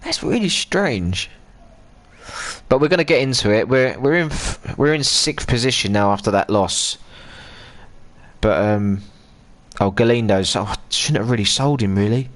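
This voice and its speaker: A man's voice: mid-range voice, lively intonation, moderate pace. Rambling man streaming a game. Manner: rambling, chatty, self-interrupting. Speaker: gaming streamer. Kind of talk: live gameplay commentary.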